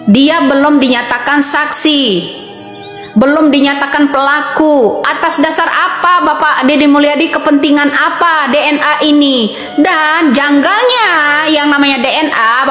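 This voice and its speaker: Brief: woman, 50s, high voice, insistent commentator repeating questions, echoey room. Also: fairly bright tone. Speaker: online commentator. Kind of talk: impassioned monologue to camera.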